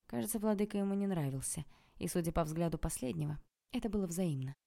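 A woman reading a first-person novel aloud in a wry, expressive way. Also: fairly low pitch, quick pace, gravelly. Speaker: audiobook narrator.

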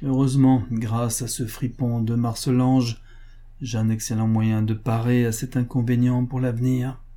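A man reading the lines of a cold, ironic male financier with a curt, measured delivery. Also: medium pitch, little pitch movement, warm tone, close to an everyday voice. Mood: muttered aside.

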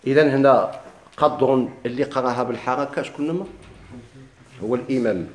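A man with a Moroccan Arabic accent explains a classical text, asking his listeners questions and answering them himself. He slows right down to chant each quoted verse. His voice sits in a middle range, and the room around him echoes. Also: medium pitch. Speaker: teacher of Quran recitation.

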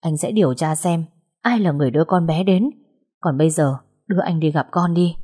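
Young father, firm but tender, quiet and insistent, read by a woman in her own low, husky voice. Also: brisk. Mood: calm insistence. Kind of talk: audiobook dialogue.

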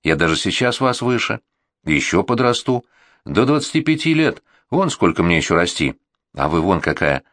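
A lovesick, earnest eighteen-year-old, as a narrator plays him, pleading and insistent. The voice is low at its base, and the recording is close and dry with no echo. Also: male voice, very animated, moderate pace, fairly bright tone. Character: lovesick eager young man, eighteen.

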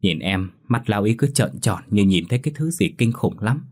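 A man's voice: lowish voice, animated, fairly quick, a little mellow. A man voicing a jealous young wife who pleads through sobs in a ghost story audiobook. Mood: tearful pleading. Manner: pleading, sobbing complaints. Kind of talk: audiobook character voice.

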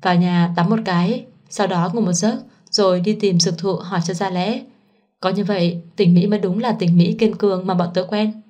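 A woman voicing a kind young man who comforts a friend in a soft, soothing voice, in a storybook reading. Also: medium pitch, fairly even intonation, normal speed, close to an everyday voice. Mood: gentle.

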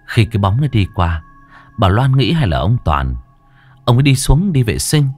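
A man's voice: fairly low pitch, big pitch swings, moderate pace, darkish tone, faint music behind. A man reading a ghost story aloud with dramatic, suspenseful delivery. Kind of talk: scripted ghost story narration.

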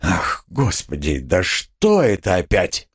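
A man's voice: medium pitch, sing-song, slow pace, husky, heavily acted. A man reading an audiobook, voicing a sly, fawning middle-aged police investigator who peppers his talk with old-fashioned polite endings. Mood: fussing alarmed.

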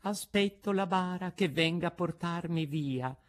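A man's voice: high-pitched, measured pace, pitched above the performer's own voice. A man voicing a pale, ghostly little girl with a faint, otherworldly small voice, in a storybook reading. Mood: eerie.

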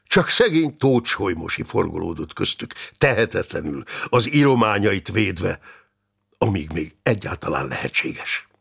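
A man reading an audiobook in a dramatic, expressive narration style. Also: sits low, vocal fry, slightly rough.

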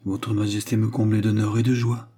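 A young nun answers in stiff, restrained, formal words, with sorrow under them, as a man reads her in an audiobook. The voice is dark and mellow, slightly husky. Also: lowish voice, level tone, brisk, close to an everyday voice. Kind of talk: audiobook character reading.

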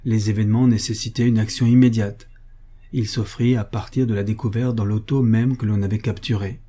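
A man reading an audiobook novel aloud in a steady, measured narration. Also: fairly low pitch. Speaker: audiobook reader.

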